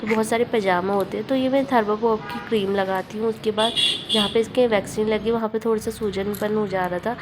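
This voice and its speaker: A woman's voice: medium pitch, steady tone, a little fast, very noisy. A young woman, a new mother, chatting casually as she explains each step of caring for her baby. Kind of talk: casual home vlog narration.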